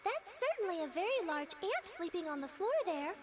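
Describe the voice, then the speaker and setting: A woman voicing a naive, childlike girl who talks in a slow, spacey, sing-song way. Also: very high voice, very animated, a loud crowd. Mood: naive, dreamy.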